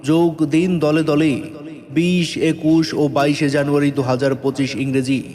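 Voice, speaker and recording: A man making a formal event announcement over a loudspeaker, in a drawn-out proclaiming cadence. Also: a little high, fairly even intonation. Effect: announcement over a loudspeaker with long reverb. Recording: long hall-like reverb.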